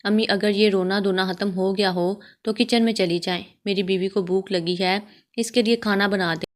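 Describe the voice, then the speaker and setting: A woman's voice: mid-range voice, steady tone, lightly acted. A woman voicing a cold, dismissive grown brother in a storybook reading, speaking curtly.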